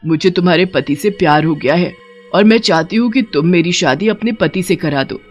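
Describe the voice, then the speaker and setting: A woman voicing a lovesick female witch in a cartoon story, soft and coaxing in a lowered voice. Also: normal speed, faint music behind, close to an everyday voice. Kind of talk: cartoon voice acting.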